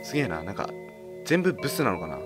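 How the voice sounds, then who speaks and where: Animated man commenting on a horror game. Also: fairly low pitch, quick pace. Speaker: let's play streamer. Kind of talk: horror game commentary, casual chat mixed with reading dialogue aloud. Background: horror game music.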